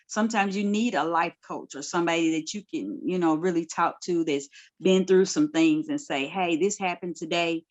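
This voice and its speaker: A middle-aged woman speaks in a somewhat low voice, a guest minister on a casual podcast. She talks in a lively, colloquial way and hands out blunt life advice. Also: moderate pace.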